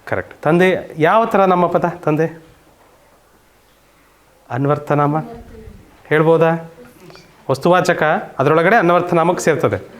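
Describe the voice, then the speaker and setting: A man's voice: fairly high pitch, takes it slowly, long pauses. Male teacher quizzing his class. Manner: patient, repeats points and quizzes students. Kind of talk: classroom grammar lesson.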